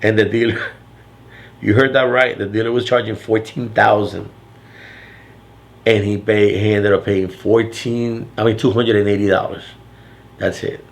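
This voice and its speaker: A deep, loud older man speaks in a low register, telling a long story in a casual vlog. He rambles, restarts his sentences and drops in fillers as he goes. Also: fairly even intonation, a little slow, gravelly, long pauses. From Florida. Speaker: vlogger.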